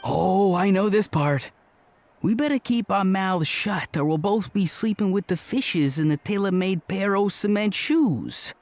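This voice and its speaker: A man's voice: high voice, expressive, measured pace, a little mellow, no room sound. An actor playing a chatty, playful young male companion in a game, full of joking asides. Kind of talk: game voice acting.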